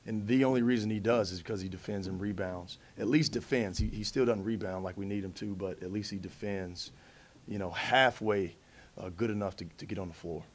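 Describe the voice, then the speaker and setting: A man in his thirties, a head coach at a post-game press conference, answering in a measured way with many fillers and restarts into a table mic. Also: lowish voice. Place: press conference room in front of a backdrop. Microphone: table mic in front of him.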